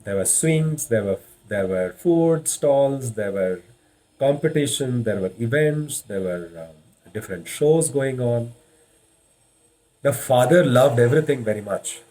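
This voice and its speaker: A man with an Indian accent giving a motivational leadership lecture with storytelling, speaking deliberately and repeating phrases for emphasis. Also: medium pitch, expressive, mellow, rough recording. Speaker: leadership trainer.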